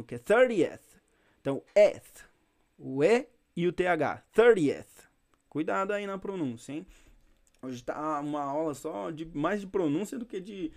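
Guy teaching english, kinda high voice, laid back, goes over each word again slow. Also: gravelly, darkish tone. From Brazil. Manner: patient, repeats words slowly for practice; informal, chatty asides to students. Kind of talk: casual spoken lesson.

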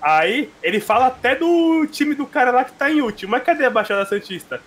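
High, bright excitable man arguing. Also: fairly quick. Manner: excitable, repeats himself while arguing. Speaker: podcast co-host. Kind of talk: casual banter.

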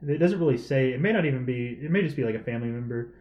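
A man's voice: medium pitch, very fast, muffled recording. Brief: chatty male podcast co-host reading out odd news, recorded with room echo. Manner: chatty storyteller, laughs often, many fillers. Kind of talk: casual podcast chat.

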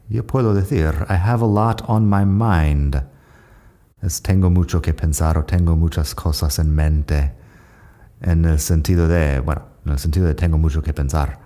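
Male English tutor, American accent; deep, mellow, unhurried delivery with repeated examples. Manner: calm, slow explanations, repeats each example twice. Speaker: English teacher. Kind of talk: language lesson with example sentences.

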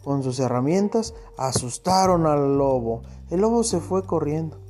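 A male teacher telling a fable to young pupils in a lively, questioning way. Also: fairly high pitch, measured pace. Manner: animated, asks listeners questions. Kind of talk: storytelling for young schoolchildren.

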